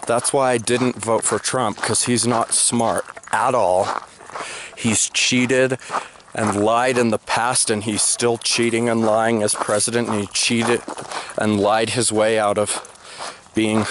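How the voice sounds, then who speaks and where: An American young man vlogs on a walk outdoors under an open sky, with the handheld camera held low at arm's length picking up background noise. His medium-pitched voice is flat and slow as he bluntly and insistently repeats his opinions.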